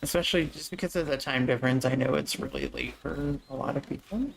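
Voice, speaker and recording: A man hosting a relaxed gaming livestream, soft-spoken and unhurried, chatting to viewers as he builds and chuckling often. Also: mid-range voice, vocal fry, slight background noise, poor audio. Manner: talks through building steps to viewers. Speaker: livestream host.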